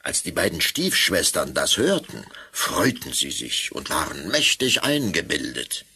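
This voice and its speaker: Guy with doing warm fairy tale telling, really animated, bright forceful voice. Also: rumbling low, measured pace, a little hiss or hum. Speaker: narrator. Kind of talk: fairy tale narration for an audio drama.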